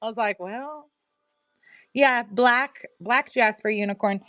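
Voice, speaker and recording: A middle-aged woman with a Missouri accent chats in a rambling, easygoing way as she runs a live selling stream. Her voice sits a little high and reaches the ear dry and close, with no room sound. She reads viewer comments aloud between bits of her story. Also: takes it slowly, a bit bright, dry recording. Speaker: livestream seller.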